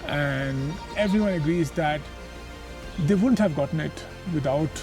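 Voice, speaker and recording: A man's voice: fairly high pitch, measured pace, music in the background, rough recording. A man speaking enthusiastically and reflectively in a documentary interview.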